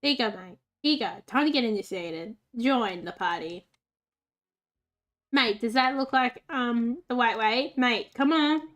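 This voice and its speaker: A woman's voice: fairly high pitch, a little slow, a bit bright. A woman giving casual gameplay commentary and talking fondly to the pets in a game. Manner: chatty, talks fondly to the game's pets. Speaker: gaming channel host.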